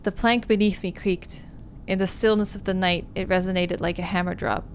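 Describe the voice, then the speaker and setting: A female game streamer reads through a visual novel on a livestream, narrating it with expressive storytelling. Her voice is mid-range and her speed is normal, with a little background noise.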